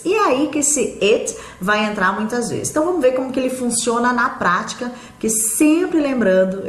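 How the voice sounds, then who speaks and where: A woman's voice: fairly high pitch, echoey room. Patient Brazilian woman teaching English. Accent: São Paulo interior Brazilian Portuguese. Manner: patient and explanatory, with frequent "tá?" check-ins. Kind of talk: live online English lesson.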